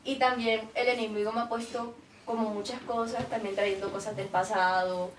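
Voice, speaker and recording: A woman's voice: a little high, level tone, moderate pace, over a noisy crowd. A woman telling her testimony in a casual, chatty way, often repeating herself. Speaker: church member giving testimony. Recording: roomy, mic at a distance, faint room noise.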